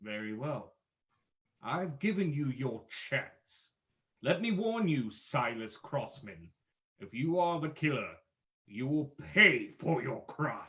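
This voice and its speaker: A man's voice: mid-range voice, big pitch swings, slow pace. Man playing the Shadow, swooping, commanding radio sleuth. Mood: stern, menacing. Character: the Shadow, commanding unseen crime-fighting sleuth, adult man. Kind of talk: old-time radio drama reading. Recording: dull lo-fi audio.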